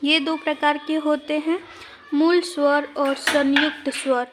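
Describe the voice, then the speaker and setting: Woman teacher, exam-prep grammar lesson; slow, deliberate, points at examples as she goes. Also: sits high, little pitch movement, noisy background.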